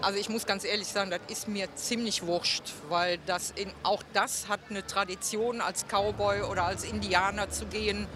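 A man's voice: high-pitched, fairly even intonation, normal speed, few pauses, noisy background. An older man answering a street interview outdoors, blunt and dismissive. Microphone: handheld interviewer mic.

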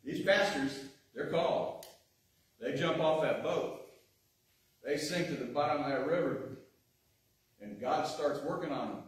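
Chuckling frequently, a layman gives a homespun sermon full of self-deprecating humor inside a church sanctuary. He speaks at a measured pace with many pauses, his voice a little high. The recording captures the echoing church from a distance.

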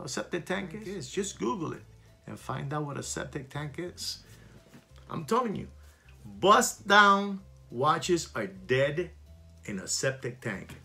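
A man's voice: on the high side, gravelly. Emphatic older man talking to camera. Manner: emphatic, repetitive, animated with hand gestures. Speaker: watch channel host. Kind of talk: casual talk to camera. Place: small home room indoors.

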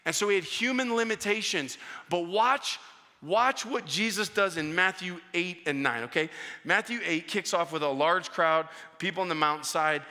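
A man preaching a sermon as pastor, energetic, repeating and restarting phrases as he climbs in pitch and volume to act out scripture voices. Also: moderate pace, long reverb tail.

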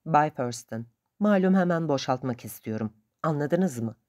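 Lady doing an angry red-faced guy in a storybook, blustering threats, low voice. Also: expressive, normal speed, darkish tone. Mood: furious. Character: red-faced, furious male dog owner, blustering.

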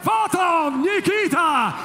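Man, ring announcer, booming stage introduction, drawn-out delivery, very high pitch, echoey arena with faint noise. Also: animated. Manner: booming stage introduction with drawn-out shouted names and rapid-fire stats. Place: large sports arena.

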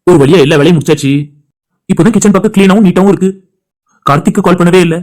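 A woman voicing an earnest young man in a cartoon, with her voice pushed down low and her speech brisk. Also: a little mellow, faint music behind, natural voice. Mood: musing.

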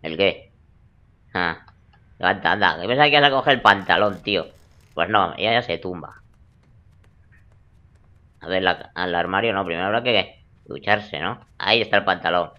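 Deep-voiced gamer cracking jokes. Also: male voice, normal speed, pauses often, lo-fi sound. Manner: teasing, crude, playful banter. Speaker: let's play gamer. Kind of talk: joking gameplay commentary.

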